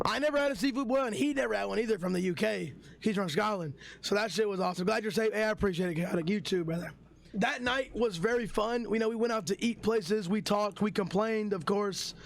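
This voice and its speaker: A young man, hoarse from yelling, telling a heated storytime to his chat and swearing often. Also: sits high. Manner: heated, swearing, talks to chat as "bro" and "guys". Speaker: streamer.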